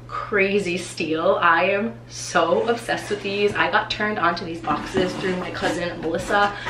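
Seated in front of her camera in a small, echoey room, a woman in her thirties unboxes items for her casual vlog, with faint hiss in the recording. She's a teacher from New England with a lowish voice, stuffy and nasal from allergies, and she chatters excitedly, packing in plenty of "like" fillers.

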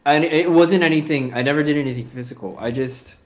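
A young man, a podcast co-host, talking casually in a relaxed way and laughing often. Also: fairly high pitch, quick pace, very noisy. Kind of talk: casual chat.

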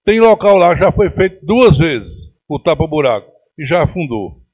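Indignant councillor with a Pernambuco accent. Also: male voice, on the high side, very animated, normal speed, darkish tone, slightly rough, muffled recording. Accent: Pernambuco Brazilian Portuguese. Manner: indignant, emphatic, gesturing at podium. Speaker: city councillor. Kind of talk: plenary speech. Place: council chamber, indoors. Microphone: podium microphone on stand.

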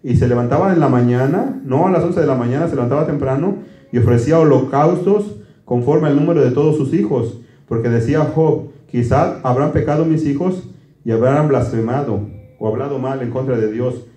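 Folksy pastor in an echoey room. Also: male voice, medium pitch, fairly quick, dark tone. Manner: folksy, quizzes the congregation with questions. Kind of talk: conversational sermon.

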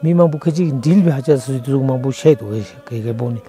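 The senior lama of a monastery, a middle-aged man, recounts its history during an outdoor interview recorded on a lapel mic. He talks very fast in a warm, medium-pitched voice, with faint music in the background.

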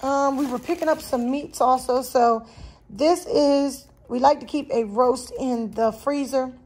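In her home kitchen, a woman vlogs a grocery haul on a handheld phone, talking to her audience in a warm, folksy, conversational way. She speaks unhurriedly in a high, steady voice with a darkish tone and a breathy edge.

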